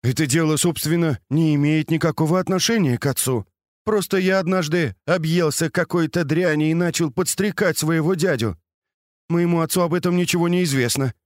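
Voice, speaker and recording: A penitent young nobleman hurries through self-abasing excuses, voiced by a male reader. The voice is raised and fast in spots, recorded dry. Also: on the high side, no room sound, pitched above the performer's own voice, lightly acted. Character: young nobleman, humble and penitent, kneeling nephew.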